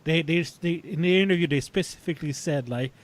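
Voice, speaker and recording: A man co-hosting a casual fan podcast, talking in a halting way with many fillers and restarts. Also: fairly high pitch. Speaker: podcast co-host. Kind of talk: casual chat.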